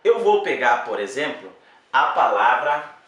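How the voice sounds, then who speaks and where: A man teaching a Portuguese grammar lesson for exam prep, speaking slowly and deliberately, repeating words and checking in with the class. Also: mid-range voice, big pitch swings, a bit bright. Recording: very echoey room, voice from a distance.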